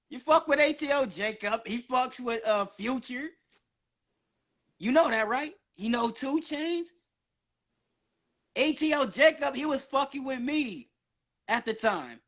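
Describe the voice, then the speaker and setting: A man in his early twenties talks on a casual live stream in a strikingly high voice with a bright, forceful edge. He keeps up nonstop, rambling chatter. His wording is slangy and heavy with swearing. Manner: profane, slangy. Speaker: guest on a social media live stream. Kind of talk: casual livestream monologue.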